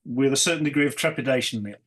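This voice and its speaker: Middle-aged man from North Wales, a bit croaky from a cold, dry humour, mid-pitched voice, telling his life story as a guest. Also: racing, a bit bright. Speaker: guest, ecologist. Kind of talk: casual interview.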